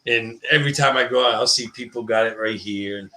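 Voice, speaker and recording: Brisk and bright, with a pushed, medium-pitched voice, a ball python breeder chats as a livestream guest. He talks colloquially, rambling and cutting himself off, and turns every R into a W since he can't pronounce it.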